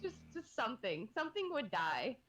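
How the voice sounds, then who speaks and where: A woman's voice: fairly high pitch, sing-song, moderate pace, fairly bright tone. A woman chatting casually with a friend during a gaming stream, teasing and laughing easily. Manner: giggly, teasing. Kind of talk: casual chat while gaming.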